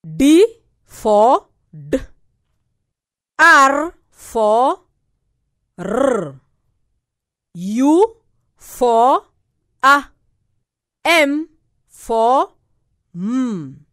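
A woman teaching a literacy lesson to children, spelling out words slowly and repeating each letter and sound. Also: high voice, pushed and bright, no room sound, clean studio sound. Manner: slow, deliberate, repeating each word and letter.

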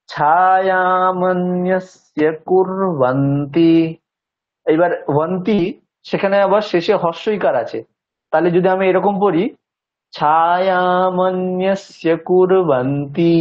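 A man's voice: high voice, fairly quick. A man teaching a language lesson, explaining pronunciation patiently and stretching out words syllable by syllable to demonstrate them. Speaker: Sanskrit teacher. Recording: dull lo-fi recording.

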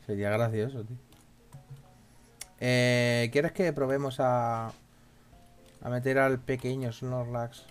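A man's voice: medium pitch, steady tone, slow, long pauses, clean tone, faint music behind. A man casually chatting during a video game session, laughing often and checking choices with his partner. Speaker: let's play co-host. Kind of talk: casual gaming chat.

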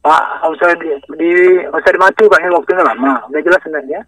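A man talks over the phone at a very fast pace in a bright, somewhat high voice. He gives insistent, repeated step-by-step instructions and keeps checking that the listener follows. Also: far from the mic. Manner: insistent, repetitive, checking for understanding. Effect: heard over the phone. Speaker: phone scam caller. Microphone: phone call. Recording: phone call audio.

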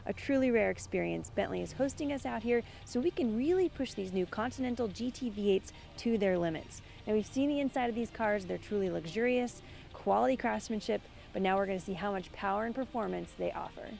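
A woman's voice: medium pitch, expressive, fairly quick, creaky, a little mellow, soft background music. A young woman hosting outdoors at a race track, speaking energetically into a handheld mic. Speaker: host. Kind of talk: upbeat presenting and interviewing.

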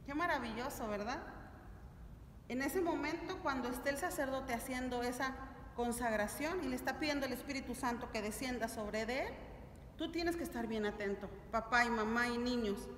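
In a large stone church, a middle-aged woman teaches families their catechism, instructing didactically and asking questions to check in. Her voice is a little high and a bit bright at a moderate pace, and the distant camera mic catches noise and echo.

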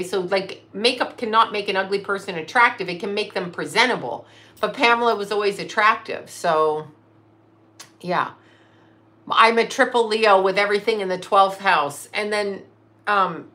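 A woman in her late fifties hosts a loose livestream chat, reading out and answering her viewers' comments as she goes. Her voice is bright and forward, set at an ordinary pitch for a woman, and her talk wanders freely from one thing to the next. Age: 50s. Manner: rambling, chatty, answers chat comments aloud. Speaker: livestream host. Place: in a car.

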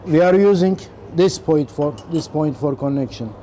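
A man in his thirties on a factory floor, explaining machine installation step by step in halting, simple phrasing. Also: fairly high pitch, very noisy. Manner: halting non-native phrasing, slow and step-by-step. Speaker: technician demonstrating machine installation. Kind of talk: instructional walkthrough.

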